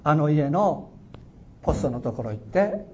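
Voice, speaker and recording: A man's voice: expressive, moderate pace, a little mellow. A man preaching a sermon as a pastor, earnest and exhorting, his voice swelling on key words. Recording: dull lo-fi sound with faint rumble.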